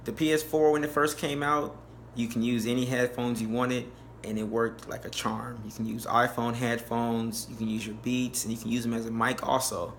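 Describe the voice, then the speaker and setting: A man presents a DIY tutorial in an informal, plain-spoken way. His delivery stays flat and even at a middling pitch. There is faint background noise in the amateur recording. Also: normal speed. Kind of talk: casual how-to narration.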